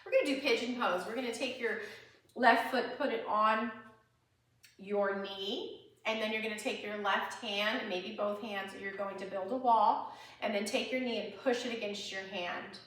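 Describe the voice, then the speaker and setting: A woman's voice: mid-range voice, fairly even intonation, normal speed, a bit bright. A woman teaching a chair yoga class, guiding each move with breath cues in an encouraging, chatty way with small laughs. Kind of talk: guided exercise instruction. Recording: echoey room, mic at a distance.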